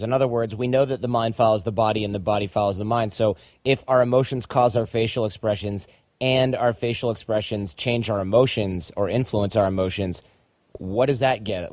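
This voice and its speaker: A man's voice: on the low side, a little mellow, dry recording. A man hosting a podcast interview, asking questions in a casual, chatty way with joking asides. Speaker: podcast host.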